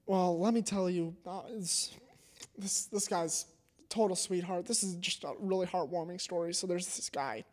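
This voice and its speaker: A man co-hosting a casual current-events podcast, talking in an animated way and laughing at his own jokes. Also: high-pitched, normal speed. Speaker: podcast co-host. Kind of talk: casual chat.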